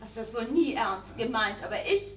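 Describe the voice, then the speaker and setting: A woman's voice: fairly high pitch, expressive, a little hiss or hum, natural voice. An actress playing a clingy, theatrical young woman, pleading and reproachful, recorded live on a roomy stage from a distance. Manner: pleading, theatrical, quick to tears. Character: clingy, dramatic young woman, jilted girlfriend.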